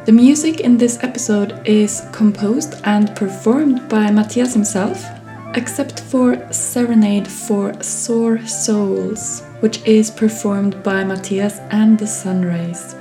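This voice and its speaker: A woman hosting a podcast, reading a clear, measured introduction and asking her guest questions. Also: mid-range voice, fairly even intonation, warm tone, soft background music. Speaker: podcast host. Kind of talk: scripted podcast intro and interview.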